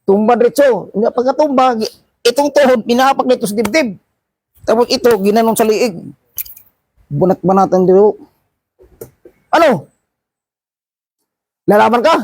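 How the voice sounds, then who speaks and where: A middle-aged man, telling an animated work anecdote casually and acting out the shouts, with frequent restarts. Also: very high voice, moderate pace, pauses often, no room sound. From Philippines. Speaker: seafarer vlogger. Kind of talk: casual storytelling.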